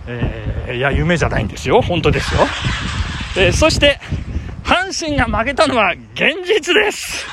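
A man's voice: sits high, animated, moderate pace. A man hosting a casual solo podcast while running outdoors, speaking politely and chattily with controlled breathing as he handles listener mail. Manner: polite, chatty delivery with exclamations. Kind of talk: casual solo chat recorded on the move. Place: outdoors on the move along a road. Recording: windy outdoor recording with traffic noise.

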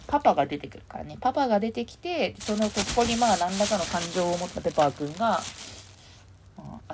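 A woman hosting a casual solo podcast, rambling and chatty as she sorts clothes at home. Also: fairly low pitch. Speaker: podcast host. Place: at home, sorting clothes while talking. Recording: noisy home recording.

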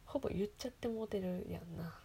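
A woman who whispers softly as she reads passages aloud and comments on them, giggling often. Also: mid-range voice, fast talker, a little hiss or hum. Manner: soft whispering, frequent giggles. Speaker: host of a reading segment.

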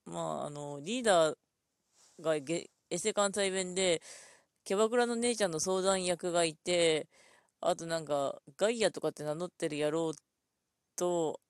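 A woman talking alone in a casual, rambling way, full of fillers, thinking aloud at her computer and drifting into quiet mumbles. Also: lowish voice, no echo. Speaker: solo podcast host.

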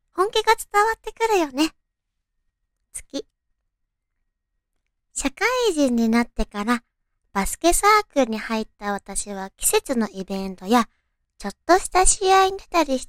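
A woman radio host with a naturally cute, high anime-girl voice, talking sweetly to listeners and reading out stories in a girlish way. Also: a bit bright, no room sound, studio quality. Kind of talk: soft-hearted radio talk and read-out listener love stories.

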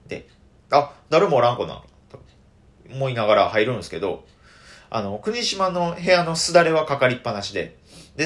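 A young man with a Kansai accent, a comedian telling a casual solo story full of fillers. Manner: lively storytelling with many fillers and animated pitch swings. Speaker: comedian hosting a solo radio talk.

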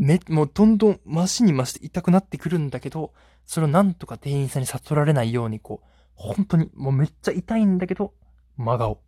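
Man, solo podcast host, quick casual storyteller, self-mocking, dry close mic. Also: medium pitch, warm tone, no echo. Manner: rambling and self-deprecating, with frequent "ne" tags.

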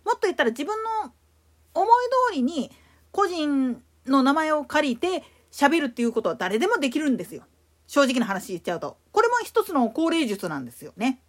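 A woman with a Kansai accent giving a solo explanatory talk as a podcast host, emphatic in her delivery. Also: a little fast. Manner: explanatory, emphatic, lively pitch swings.

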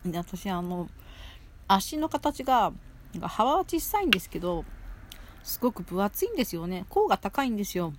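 A woman's voice: medium pitch, very animated, normal speed, a little hiss or hum. A woman hosting a solo show in casual, rambling chat, chewing as she talks with food in her mouth and often repeating phrases. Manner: chewing while talking, mouth often full. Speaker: solo audio show host. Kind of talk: casual chat while eating.

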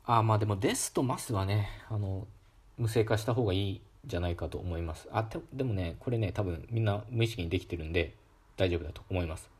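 A man giving a calm, casual educational talk on pronunciation, demonstrating sounds aloud with frequent fillers. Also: on the low side, fast talker, slightly rough. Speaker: solo talk host explaining linguistics.

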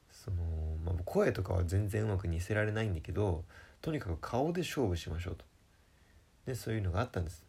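A man's voice: low voice, gravelly, warm tone, breathy edge. A young man, a comedian, talking through a casual monologue in a chatty, self-deprecating way with lots of fillers.

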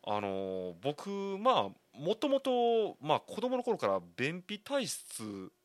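A man's voice: fairly high pitch, wildly swooping pitch, slow, no room sound. A man in his thirties with a Kansai accent, hosting a solo talk show as a candid, rambling storyteller. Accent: Kansai Japanese. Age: 30s. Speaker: podcast host.

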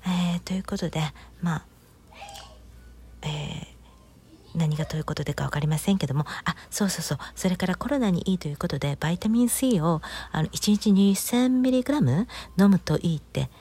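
Soft-spoken woman with breathy low voice. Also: lively intonation, a little fast. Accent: Kanto-style Japanese, switching from Kansai. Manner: soft, half-whispered delivery with frequent hesitations. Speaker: host of her own talk channel. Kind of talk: casual solo radio-style chat.

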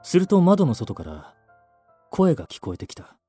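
A man narrating a first-person ghost story in a scripted, hushed telling that sinks to near-whispers at tense moments. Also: on the high side, wildly swooping pitch, normal speed, husky. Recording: faint music underneath.

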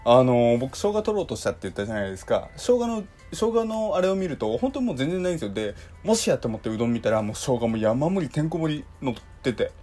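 A young man with a hoarse, dry throat and a Kansai accent, telling a story in a chatty solo podcast full of fillers. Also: mid-range voice, big pitch swings, quick pace, few pauses, warm tone, soft background music. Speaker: podcast host. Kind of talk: casual solo talk.

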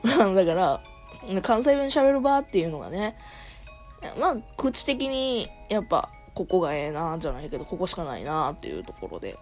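This podcast host, a young Kansai-accented woman, talks through a casual solo radio chat, frequently laughing and fixing her own words as she goes. Her voice is lowish, sing-song and brisk, with soft music in the background.

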